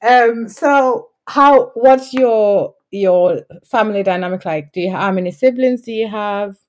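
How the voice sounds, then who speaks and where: A woman's voice: mid-range voice, measured pace, lo-fi sound. A woman from Gambia, co-hosting a casual podcast chat, who laughs easily and often quotes herself. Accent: London English, faint Yorkshire. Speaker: podcast co-host.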